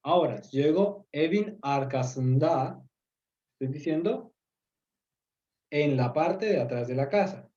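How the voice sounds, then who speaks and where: Through a video call, a Turkish teacher gives an online group a language lesson, patient but hesitant, with many fillers and tag questions to make sure they understand. His fairly high voice is animated yet unhurried and mellow, with long pauses, and the highs are cut off.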